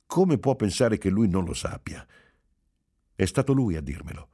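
A man reading aloud voices a scornful, sharp-tongued married woman with an insultingly polite, imperious manner. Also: big pitch swings, normal speed, breathy edge. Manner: insulting politeness, shrill when triumphant.

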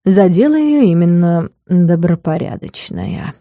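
Mellow woman reading a novel. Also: fairly low pitch, sing-song, measured pace, no echo, clean studio sound. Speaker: audiobook narrator. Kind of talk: first-person novel narration.

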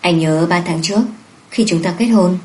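A woman voicing a domineering, lazy young husband with a low, teasing manner in a romance audiobook. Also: moderate pace, warm tone, close to an everyday voice, poor audio. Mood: menacing.

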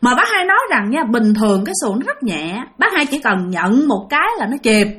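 A woman's voice: a little high, sing-song, a little fast, a bit bright. A woman narrating a ghost story in a conversational way, talking straight to her listeners. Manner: conversational, addresses listeners directly.

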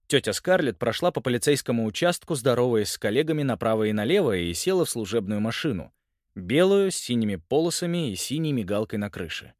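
A man narrating a children's audiobook in a lively, expressive reading. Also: medium pitch, fast talker, hardly any pauses, dry recording, clean studio sound.

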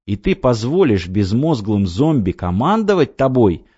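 A man reading an audiobook, voicing a pushy, scheming male construction director who coaxes and urges loudly. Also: mid-range voice, big pitch swings, unhurried, breathy edge, no room sound, lo-fi sound. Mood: urgent coaxing. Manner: coaxing, urgent, exclamatory.

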